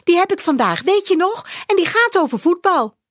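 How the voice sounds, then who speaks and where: A woman reading aloud puts on a bright, eager little girl from a storybook, her voice pitched high and a touch louder than the narration. She exclaims her lines with childish excitement, and the sound is close and dry with no room around it. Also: moderate pace, dry recording. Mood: excited.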